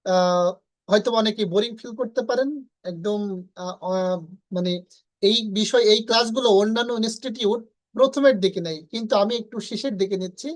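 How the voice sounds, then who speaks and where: Lady teacher, fairly high voice, goes slow and repeats each letter sound. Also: poor audio. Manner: explains slowly, drills letter sounds with repetition. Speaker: English pronunciation teacher. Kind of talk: online lesson.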